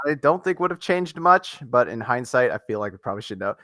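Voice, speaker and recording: A man's voice: mid-range voice, sing-song, fast talker, fairly bright tone, dry recording. A man talks as a player at a tabletop game. His medium voice is recorded dry, and his talk is loose, informal and casually sweary. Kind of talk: casual chat.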